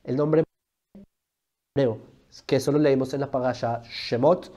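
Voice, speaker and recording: With a medium-pitched, dark voice, this Colombian man speaks unhurriedly and in a steady tone. He hosts a religion video, arguing his point in an emphatic explainer monologue full of rhetorical questions, recorded on a studio lapel mic.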